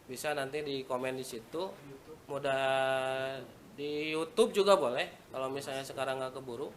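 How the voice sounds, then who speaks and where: A male Islamic religious teacher with a Sundanese accent leads a relaxed lesson, conversing casually with local words and recited Arabic phrases woven in. His mid-range voice holds a fairly even intonation at a moderate pace, with a little hiss or hum in the recording.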